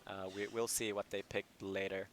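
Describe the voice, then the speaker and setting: A man's voice: on the low side, flat delivery, normal speed, slight background noise. A young man casting a student esports match live, breaking down team picks and often restarting his phrases as he thinks aloud. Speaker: esports caster. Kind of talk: live game commentary.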